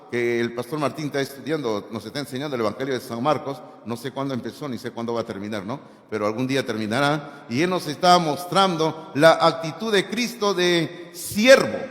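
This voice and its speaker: A male pastor preaching a sermon emphatically in a church, often pausing on "eh" and calling for amens. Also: fairly high pitch, a bit bright. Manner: emphatic, calls on the congregation for amens; frequent "eh" fillers. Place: church sanctuary. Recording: reverberant church hall.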